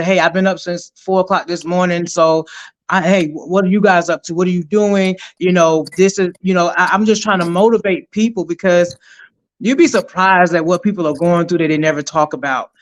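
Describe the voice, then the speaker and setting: A middle-aged woman, a retired army sergeant, telling her story in an energetic, emphatic way as a podcast guest. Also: fairly low pitch. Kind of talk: conversational interview storytelling.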